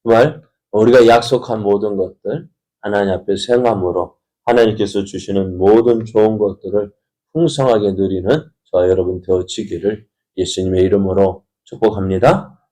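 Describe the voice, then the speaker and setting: Low-voiced, mellow male pastor preaching. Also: steady tone, normal speed. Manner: asks the congregation frequent rhetorical questions. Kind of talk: dawn prayer sermon.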